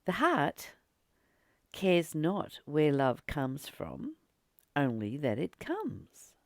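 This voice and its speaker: Reading from a spiritual text, a woman leads a book study in a low voice with a lively, swinging melody. She reflects on each passage deliberately, pausing and repeating phrases for emphasis, as a spiritual teacher and channel host. The recording is close and dry with no room sound.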